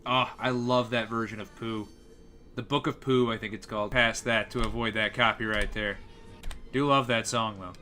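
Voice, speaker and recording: A man's voice: on the low side, fairly even intonation, moderate pace, bright, forceful tone, faint music behind. A young man chatting casually on a live stream, rambling and hesitant, with lots of fillers.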